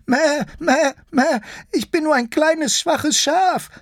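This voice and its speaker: A squeaky, frightened sheep-lion cub in an audiobook fable, high, pleading, bleating. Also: male voice, takes it slowly, no room sound, studio quality, exaggerated voice. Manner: whimpering, pleading, bleats meh. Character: timid young lion raised as a sheep, bleating.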